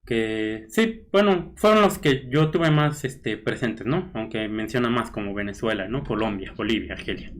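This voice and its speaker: A man's voice: mid-range voice, lively intonation, normal speed, few pauses. Chatty Mexican man musing aloud. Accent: Mexican Spanish. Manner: conversational, musing with fillers like "este" and "¿no?". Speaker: blogger host. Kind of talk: casual commentary, reading news aloud.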